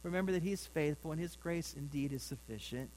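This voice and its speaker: High-voiced folksy preacher man. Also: fast, a little mellow, slight background noise, low-quality recording. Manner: folksy, rambling, with frequent restarts and asides to the congregation. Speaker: pastor. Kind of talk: sermon.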